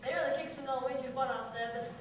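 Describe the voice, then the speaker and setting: A woman playing a gravely wounded soldier, gasping and faltering through a comic children's stage play. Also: sits high, steady tone, quick pace, lightly acted. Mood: weak, pleading. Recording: echoey hall from far off, faint noise.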